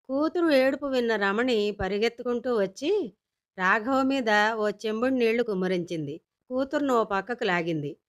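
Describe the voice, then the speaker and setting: Woman storyteller, expressive and animated, fairly high voice. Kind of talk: storytelling narration.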